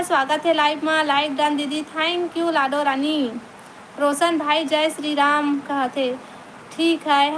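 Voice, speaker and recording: A woman's voice: high voice, a bit bright, a little hiss or hum, low-quality recording. A woman with a Chhattisgarhi accent, chatting casually on her live stream, greeting viewers by name and laughing often, on a phone mic. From Chhattisgarh, India.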